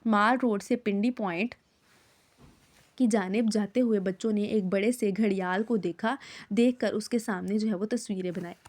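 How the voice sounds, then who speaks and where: A woman's voice: mid-range voice, steady tone, moderate pace, a little mellow. Woman teacher explaining a reading lesson. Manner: explains each word plainly, often checks with "okay?". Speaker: Urdu teacher. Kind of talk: recorded classroom lesson.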